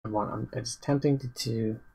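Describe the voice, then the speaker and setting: A sleepy man working as a dungeon master, casually thinking aloud on a livestream as he plans his campaign, rambling and halting with many fillers and restarts. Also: mid-range voice, steady tone, vocal fry, dark tone, a little hiss or hum, low-quality recording.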